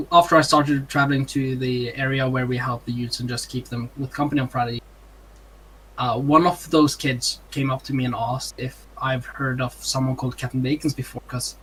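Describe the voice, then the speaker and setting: Here the same kind of speaker, a young man from Norway who streams, gives halting, filler-heavy answers in casual English during an interview, his Norwegian accent clear. His medium-pitched voice is husky and a bit bright, captured in a rough recording.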